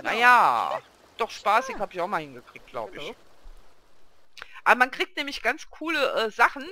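A woman's voice: on the high side, sharp tone. A woman hosting a let's play, commenting on her game through a headset and chatting to the characters, urging and grumbling at them. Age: adult with a child.

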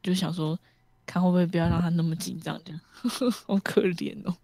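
A woman chatting casually, ending her sentences with soft trailing fillers. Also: on the low side, steady tone, fairly quick, vocal fry, no echo, clean studio sound. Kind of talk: casual group chat.

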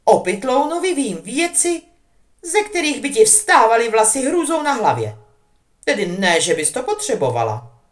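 A woman's voice: a little high, sing-song, pitched above the performer's own voice. Woman doing a cold snide gossip reporter.

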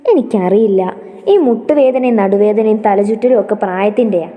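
A woman voicing a weary elderly mother who grumbles briskly about her aches. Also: medium pitch, long reverb tail, phone-quality sound, natural voice. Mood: grumbling.

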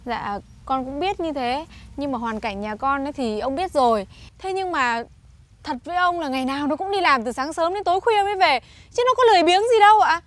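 An actress playing a poor, put-upon village wife who wails and pleads, in a comedy film. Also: female voice, high-pitched, lively intonation, brisk. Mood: pleading. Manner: wailing, pleading, exclamatory. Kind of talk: Vietnamese comedy film acting.

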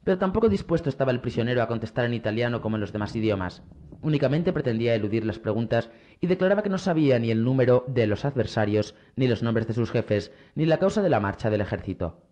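A man reading a novel aloud as an audiobook narrator in a measured, steady way. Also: medium pitch. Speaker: audiobook reader. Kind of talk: scripted narration.

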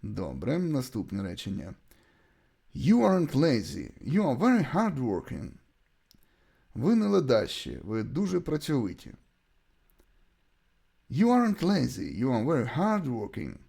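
With a Ukrainian accent from his first language, this male English teacher runs a bilingual lesson, deliberately offering short example sentences to repeat. His voice is average in pitch yet rises and falls in huge, very animated swings; it's creaky and warm with a breathy edge.

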